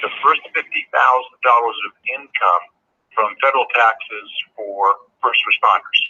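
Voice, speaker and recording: A man giving a spoken update at an online meeting over a low-quality phone line, halting with many fillers and restarts. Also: pushed and bright, slightly rough. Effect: low-quality phone-line audio. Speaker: association representative giving a report. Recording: dull, lo-fi phone call audio.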